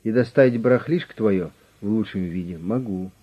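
A man voicing a steady, pushy negotiator. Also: lowish voice, normal speed, slightly rough. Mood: insistent. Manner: steady, insistent, persuasive. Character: calm, pushy male negotiator with an official manner. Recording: dull lo-fi recording.

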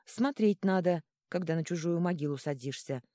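A woman voicing a grumpy, boastful shapeshifting spirit with a cat's face, loud and cocky in a storybook. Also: fairly low pitch, moderate pace, no room sound, studio quality, lightly acted.

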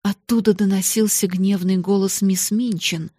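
A woman narrating a classic children's story aloud in a steady, expressive audiobook reading. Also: mid-range voice, moderate pace, breathy edge, no echo.

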